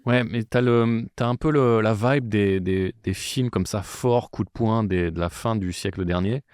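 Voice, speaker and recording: A man's voice: lowish voice, unhurried, darkish tone, clear, resonant tone, no room sound, studio quality. A man hosting a casual interview, talking through his thoughts with many fillers and restarts. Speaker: podcast host.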